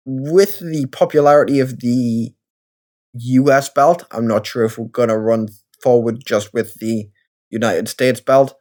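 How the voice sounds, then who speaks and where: A man's voice: medium pitch, a little mellow. A man with a Geordie accent giving casual, rambling let's-play commentary in a chatty, self-deprecating way. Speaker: gaming video creator.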